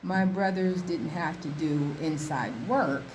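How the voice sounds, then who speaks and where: A woman's voice: fairly low pitch, takes it slowly, darkish tone. A woman co-hosting a conversational recap, recorded outdoors on a seaside balcony with a slight echo. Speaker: podcast co-host. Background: waves, ambient noise.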